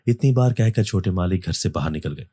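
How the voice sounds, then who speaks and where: A man reading a first-person horror story as a storyteller, in a steady, even manner. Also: sits low, no room sound. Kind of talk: scripted narration of a horror story.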